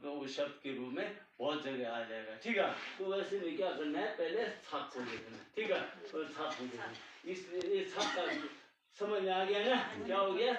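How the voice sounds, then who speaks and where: A man teaching a language class patiently, often checking whether his students follow. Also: a little high. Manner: patient, repeats "ठीक है" often, checks understanding. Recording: echoey room, distant mic, dull sound.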